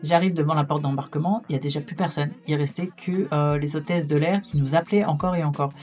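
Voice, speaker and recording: A woman's voice: low voice, fast talker, a little mellow, faint music behind. A young woman telling a casual storytime vlog, chatty and full of hesitation fillers. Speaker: vlogger.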